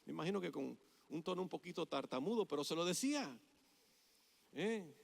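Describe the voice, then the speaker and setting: A man's voice: a little high, expressive, brisk, creaky. A male pastor delivering a sermon with emphatic delivery and frequent rhetorical questions, heard in a church sanctuary. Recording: long hall reverb.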